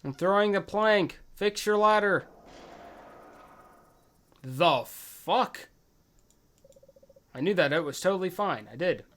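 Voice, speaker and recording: A man's voice: high-pitched, lively intonation, slow pace, pauses often. A man giving casual playthrough commentary as a gaming host, muttering to himself and pleased with his own progress. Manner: self-congratulatory, mutters to himself, swears casually. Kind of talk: casual game playthrough commentary, reading dialogue aloud. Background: soft music.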